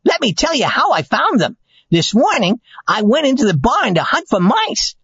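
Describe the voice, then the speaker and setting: A man voicing a friendly, eager male dog in a storybook reading, in a husky, high, sing-song way. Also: wildly swooping pitch, moderate pace, fairly bright tone, no room sound, exaggerated voice. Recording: dull lo-fi recording.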